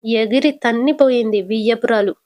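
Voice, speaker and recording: Woman narrator doing a meddling middle-aged mother-in-law: high-pitched, indignant, sharp-tongued, dry close mic. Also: normal speed, dry recording, lightly acted. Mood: plotting.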